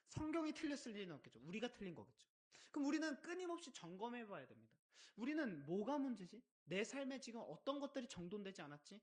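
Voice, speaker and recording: Lively, quick-talking male preacher. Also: sits high. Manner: lively storytelling, asks questions of the congregation. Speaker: pastor. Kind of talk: sermon. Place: church service.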